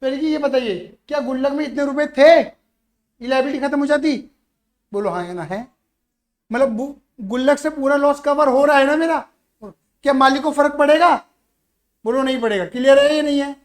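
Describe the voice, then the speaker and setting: A man's voice: very high-pitched, normal speed. A man teaching an accounting lesson, who keeps checking whether students follow and acts out little stories to explain. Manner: keeps asking students "yes or no" to check understanding. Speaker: commerce teacher. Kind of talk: classroom-style accounting lesson.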